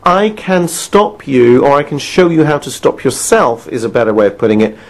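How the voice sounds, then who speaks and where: A man teaching a stop-smoking lesson, talking to the listener in an emphatic, conversational way and often checking in with quick questions. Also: medium pitch, creaky. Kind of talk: self-help audio lesson.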